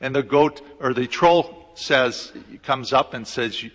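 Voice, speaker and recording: A man, a law lecturer, giving a conference presentation in a hesitant, explanatory way with frequent pauses. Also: mid-range voice. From United States. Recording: echoey hall with long reverb.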